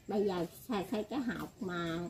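A woman's voice: medium pitch, very noisy. An elderly woman talking in a rambling, casual way, often laughing as she speaks. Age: older. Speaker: elderly woman being interviewed.

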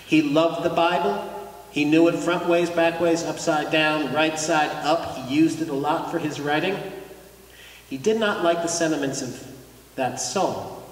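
Brief: a male lecturer-performer, high voice, dry wit, recorded far off in a reverberant church. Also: slow pace, pauses often. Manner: wry, conversational storyteller. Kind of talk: live documentary lecture. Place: church, indoors. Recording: echoey church from a distance.

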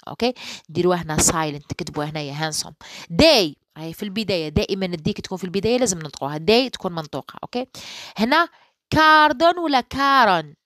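A woman English teacher with an Algerian Arabic accent, going through an exam solution in dialect and slowly reading the English sentences, and often asking "okay?". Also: lowish voice, lively intonation, a bit bright, dry recording. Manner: slow, careful reading of English sentences, then explaining in dialect; keeps checking with "okay?".

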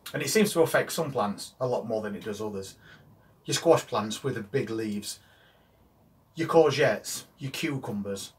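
A man, giving practical gardening advice straight to camera from a greenhouse. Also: medium pitch. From England. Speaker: gardening channel host. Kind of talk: instructional gardening video. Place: greenhouse on an allotment.

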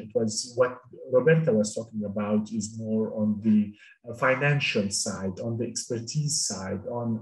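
A man's voice: lowish voice, darkish tone. A middle-aged man from Syria, a cluster coordinator, giving a webinar talk over a video call with many restarts and fillers. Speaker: panel speaker, cluster coordinator. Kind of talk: webinar presentation. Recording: roomy, distant video call audio.

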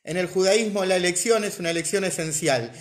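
Guy teaching a religion class, fairly high voice, keeps rephrasing and asking himself questions. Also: fairly quick. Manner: explanatory, rephrases points, asks rhetorical questions.

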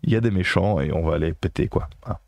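A man's voice: deep voice, fast, gravelly, darkish tone, no room sound, clean studio sound. A man with a French accent streaming a game live, reading the on-screen text aloud and translating it, with many fillers and self-corrections. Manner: chats with viewers and thanks them. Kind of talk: casual live game commentary.

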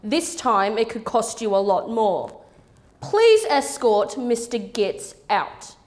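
A woman's voice: on the high side, big pitch swings, slow. A woman doing a crooked pompous mayor. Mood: menacing. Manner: threatening, pompous. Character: crooked blustering male city mayor. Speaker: mayor character. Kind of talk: comic noir parody acting.

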